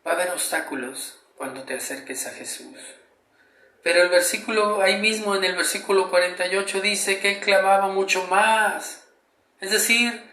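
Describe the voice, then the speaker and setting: A man's voice: on the high side, pushed and bright. A man preaching a sermon, reading a Bible passage and pleading with fervent, emphatic rises. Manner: fervent, rising to emphatic pleas. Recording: echoey room.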